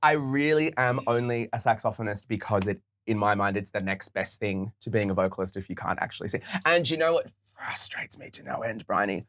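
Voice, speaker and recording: A man's voice: fairly low pitch, brisk, hardly any pauses, slight background noise. A young adult man with an Australian accent and a slightly nasal voice, chatting casually as a podcast guest and laughing often. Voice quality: a bit nasal. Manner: animated, laughs often, camp. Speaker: saxophonist guest. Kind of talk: casual chat.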